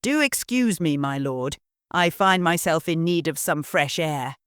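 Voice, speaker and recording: A woman's voice: low-pitched, lively intonation, a little slow, a bit bright, clear, resonant tone, dry recording, clean studio sound. A woman voicing a haughty, bossy social-climbing lady of the house who snaps out orders. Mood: haughty, snappish. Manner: snappish, bossy, prim.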